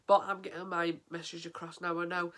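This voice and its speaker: This casual to-camera vlog features an English man discussing mental health while nursing a head cold that makes him sniffly and congested. He speaks earnestly but haltingly, with lots of fillers and restarts, in a high, fairly bright voice held at a level tone.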